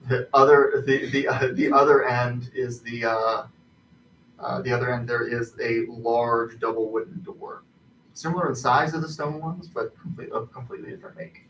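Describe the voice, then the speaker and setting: A man improvising tabletop game narration as game master, haltingly, searching for his words. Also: mid-range voice, steady tone, a bit bright. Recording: distant mic, roomy echo, faint noise.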